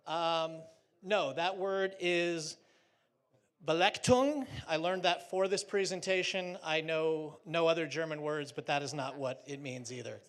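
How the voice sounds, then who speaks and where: On stage at a live trade show, a man with a high-sitting voice gives a casual, chatty slide presentation, slipping light jokes in between his filler words.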